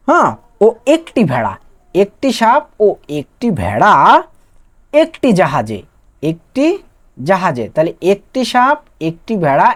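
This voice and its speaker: A young woman from Bangladesh teaching an online class, asking questions and answering them herself. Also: sits low. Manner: lively, asks and answers own questions.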